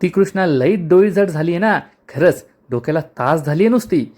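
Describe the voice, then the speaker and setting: A man's voice: fairly high pitch, expressive, normal speed, a little mellow, close to an everyday voice. A man reading the lines of a bossy, scornful older woman in a TV serial recap, in a raised, scolding voice. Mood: grumbling. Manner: scolding, taunting.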